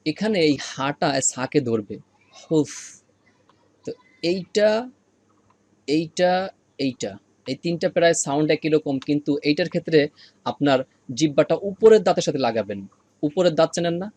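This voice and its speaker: A man teaching an online Quran reading lesson, patiently repeating each sound slowly for practice. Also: a little high, expressive, a little mellow.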